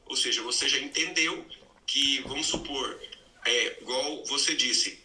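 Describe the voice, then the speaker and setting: A man hosting a live conversation, calmly explaining a series of healing steps one by one in a teaching manner. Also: mid-range voice, measured pace. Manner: didactic, lays out numbered steps. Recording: roomy, distant mic.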